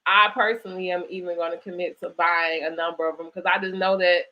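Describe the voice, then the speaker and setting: A woman hosts a live online interview with an author, keeping it conversational, encouraging, and affirming. Her voice is on the low side with fairly even intonation, she talks fast, and the recording sounds muffled.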